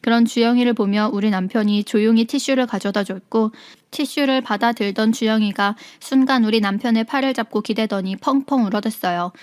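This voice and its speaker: A woman narrating a real-life story in a plain, even storytelling manner, as read on a radio segment. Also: on the high side, no echo.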